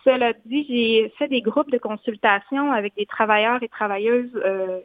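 Autrice de la Côte-Nord au téléphone. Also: female voice, a little high, moderate pace, no echo. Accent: Haute-Côte-Nord Quebec French. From Côte-Nord, Quebec. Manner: thoughtful, many fillers. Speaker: author guest. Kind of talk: radio interview. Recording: tinny phone-like line, dry.

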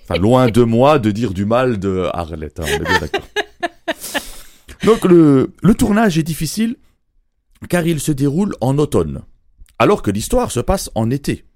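A man's voice: mid-range voice, big pitch swings, moderate pace, darkish tone, no room sound. A man giving a humorous radio chronicle, teasing and joking, laughing between his lines. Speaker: radio columnist.

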